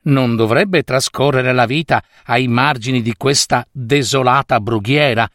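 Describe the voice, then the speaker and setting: A man's voice: mid-range voice, unhurried, a bit bright, no echo, studio quality. A man doing a vain, whiny young girl. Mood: complaining. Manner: whiny, self-pitying complaints.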